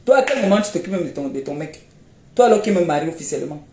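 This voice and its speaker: A woman's voice: sits low, animated, fast talker, a little mellow, roomy sound, a little hiss or hum. Scolding Cameroonian woman ranting on a live stream. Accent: Cameroonian French. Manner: scolding, mocking, repetitive jabs. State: unwell, tired. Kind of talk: mocking live-stream rant. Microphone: phone on a live stream.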